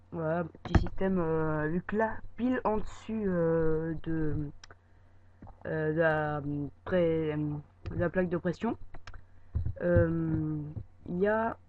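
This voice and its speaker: A French-speaking gamer casually walking viewers through a building project, talking hesitantly with many filler words. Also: mid-range voice. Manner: hesitant, filler-heavy, many "voilà" and "euh". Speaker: YouTuber showing a building project. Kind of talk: casual game walkthrough commentary. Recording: dull lo-fi mic with steady noise.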